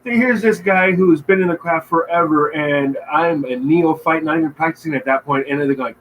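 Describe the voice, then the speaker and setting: A man co-hosting a casual livestream chat, easygoing and joking, adding quick asides. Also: a little high, fairly bright tone, slight background noise, poor audio. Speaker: podcast co-host.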